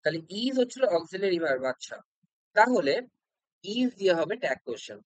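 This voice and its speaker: A man with a fairly high voice explains grammar rules for an exam, going step by step and repeating each point. He checks in constantly and keeps the pace unhurried. The sound is close and dry, with no room echo. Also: very animated. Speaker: English grammar teacher. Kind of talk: exam-prep grammar lesson.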